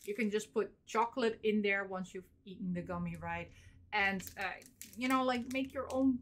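A woman's voice: medium pitch, moderate pace, a little hiss or hum. Chatty woman rambling through an unboxing. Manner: chatty, rambling, frequent fillers and small laughs. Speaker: vlogger showing convention purchases. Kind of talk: casual unboxing chat.

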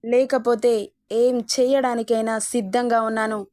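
A woman's voice: on the high side, little pitch movement, moderate pace, dark tone, close to an everyday voice. A woman reading a storybook, voicing a protective young brother who speaks firmly and with determination. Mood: determined. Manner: firm, determined.

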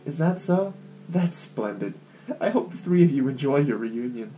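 A man voicing a kindly old grandmother who runs a shop in a game, speaking slowly and softly. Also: medium pitch, animated, slight background noise, lightly acted. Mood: gentle. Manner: slow, soft old-lady delivery. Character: kindly old grandma shopkeeper, gentle and homely. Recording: guitar music playing behind.

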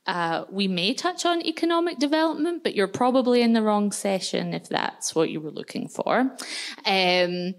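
A woman's voice: medium pitch, lively intonation, moderate pace. A Scottish woman in her thirties presenting a workshop, chatting casually with lots of fillers into a handheld mic in a large community hall. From Scotland. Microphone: handheld microphone.

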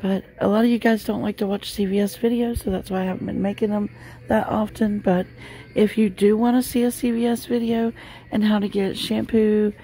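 A shopping vlogger, a middle-aged woman, speaks briskly in a steady, mellow, mid-range voice. She films herself on a handheld phone while walking through a large discount store, talking casually and filling gaps with fillers.

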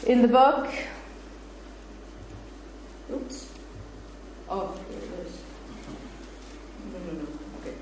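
This middle-aged guest lecturer, German by first language, speaks English slowly and expressively at medium pitch, pausing often as she reads parts of her paper in an academic lecture. She laughs easily and chats with the audience between passages. Recorded by a far camera's room mic in a bright indoor lecture room with a projector screen, the sound is echoey with faint noise.

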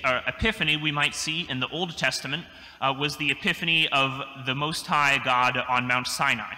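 A young adult man, a priest, gives a measured, thoughtful sermon from a church pulpit, with dry little asides. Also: a little high, sharp tone. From United States. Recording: long church reverb.

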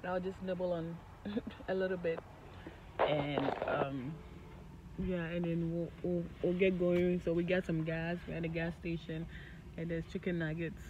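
A woman's voice: fairly low pitch, flat delivery, moderate pace. A woman in her forties chatting casually to her phone camera for a travel vlog, rambling with lots of fillers. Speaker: vlogger. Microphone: phone at arm's length. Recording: dull lo-fi phone audio with background noise.

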